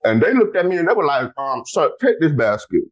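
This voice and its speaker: A man hosting a podcast, chatting casually and telling stories in an excitable, animated way with playful asides to listeners. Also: fairly high pitch, fairly quick, lo-fi sound. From Houston, United States. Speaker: podcast host. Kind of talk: casual chat.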